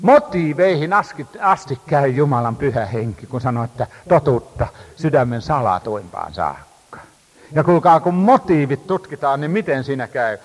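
Male preacher, fervent sermon delivery with hesitant "äh" fillers; lively, somewhat high voice; long reverb of a large hall. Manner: impassioned, rising and falling emphasis, frequent hesitations.

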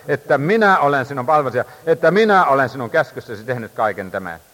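A man's voice: on the high side, a bit bright. A man preaching a sermon with impassioned emphasis and frequent hesitations, recorded in a large church hall. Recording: reverberant hall.

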